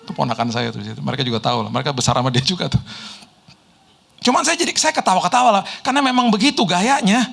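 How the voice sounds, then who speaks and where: Lively middle-aged pastor. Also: male voice, high-pitched, fast talker, vocal fry, faint music behind. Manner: lively storyteller, mimics people in quotes, laughs often. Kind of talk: sermon with personal anecdotes.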